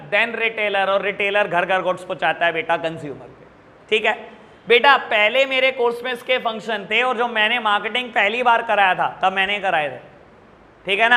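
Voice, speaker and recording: An Indian male teacher lectures his class with a high, sharp, bright voice. He keeps addressing students fondly and checking they follow. The sound carries a long hall reverb. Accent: Indian English. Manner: addresses students as beta, frequent "theek hai na" checks. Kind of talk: classroom lecture explaining exam questions.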